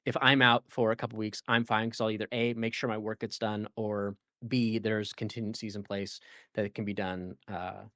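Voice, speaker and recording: A man co-hosting a casual gaming podcast, talking in a rambling, animated way with lots of fillers and restarts. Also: fairly low pitch, moderate pace, no room sound, clean studio sound. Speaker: podcast co-host.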